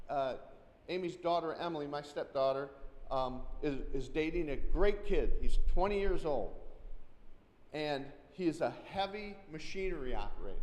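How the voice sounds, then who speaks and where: A middle-aged man teaches a safety class in a big echoing hall with a long reverb tail. His voice sits a little high for a man, and he tells stories, acting out the people in them and breaking into loud, forceful lines. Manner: storytelling, acts out quotes, loud emphatic bursts. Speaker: safety trainer. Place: church hall.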